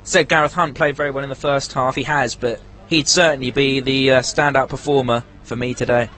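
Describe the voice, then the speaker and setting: A man co-commentating at a football ground, offering measured and slightly hesitant analysis. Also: mid-range voice, steady tone, a bit bright, poor audio. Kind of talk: match analysis.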